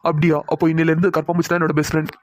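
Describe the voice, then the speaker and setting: A woman's voice: sits low, level tone, very fast, darkish tone, no room sound, studio quality, natural voice. A woman doing a teasing young male boss. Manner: playful, teasing, bossy. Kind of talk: cartoon voice acting.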